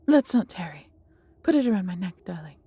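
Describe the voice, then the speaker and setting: In a dry recording, a woman gives a full character voice to a fiercely protective, loving female dragon in a fantasy audio roleplay. Her tone is dark and soft, low, heavily breathy and husky, with big pitch swings and a slightly fast pace; the formal storybook delivery is theatrical yet intimate, and the mood is tender and proud.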